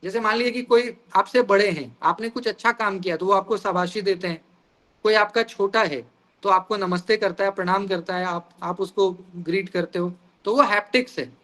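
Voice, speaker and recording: A man's voice: high voice, moderate pace, sharp tone. A man teaching an online exam-prep class over a video call, explaining terms through everyday examples and often calling the students "guys".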